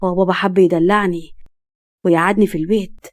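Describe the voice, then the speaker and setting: A woman's voice: fairly low pitch, steady tone, fast talker, close to an everyday voice. A woman voicing a brash, drunken young man with an Egyptian accent and a sly drawl. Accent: Egyptian Arabic.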